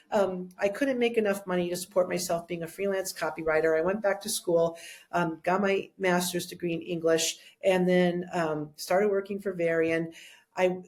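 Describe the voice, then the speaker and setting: A woman's voice: fairly low pitch, darkish tone. A middle-aged woman, a guest on an interview show, telling her story in a rambling, heartfelt way, full of restarts. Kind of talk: conversational storytelling.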